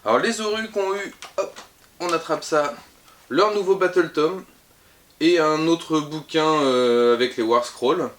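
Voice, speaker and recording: A man's voice: fairly high pitch, measured pace, a bit bright. A man who works in a game shop, running through the week's new releases to camera in a chatty, upbeat way with frequent hesitations and self-corrections. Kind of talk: casual product roundup to camera.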